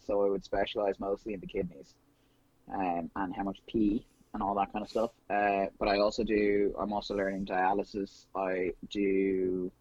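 Husky Irish man, chatty and rambling. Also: on the low side, a little mellow, no room sound, lo-fi sound. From Ireland. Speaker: nurse guest. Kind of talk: casual podcast chat.

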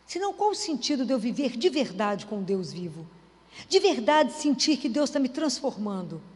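High-voiced woman preaching in a hall. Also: big pitch swings, normal speed, breathy edge. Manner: conversational, asks the audience rhetorical questions. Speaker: lay preacher.

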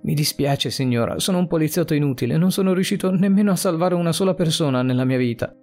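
A desperate, self-blaming policeman talks in a somewhat high voice with earnest urgency, as a male narrator reads him. Faint music plays underneath. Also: fast, darkish tone, close to an everyday voice. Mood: regretful.

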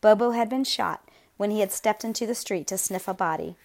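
A woman narrating a novel aloud in a steady, measured, grave storytelling voice. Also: medium pitch, creaky. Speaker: audiobook narrator.

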